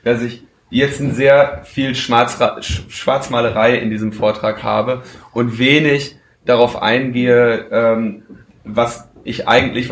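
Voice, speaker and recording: Hesitant male speaker in an echoey hall. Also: mid-range voice. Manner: hesitant, many fillers, frank. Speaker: speaker answering audience questions. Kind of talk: conference Q&A answers. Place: lecture hall. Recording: echoey hall, faint noise.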